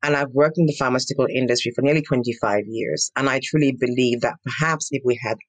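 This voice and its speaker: A woman's voice: rumbling low, fast, no echo. A woman in her fifties from Nigeria answering interview questions in an earnest, emphatic, reflective way. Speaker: guest, pharma entrepreneur.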